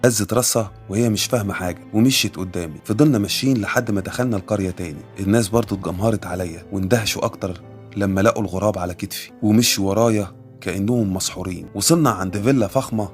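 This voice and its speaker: Fast-talking Egyptian storyteller man. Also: fairly low pitch, soft background music. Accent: Egyptian Arabic. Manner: quick, sarcastic and lively. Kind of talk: comic first-person story narration.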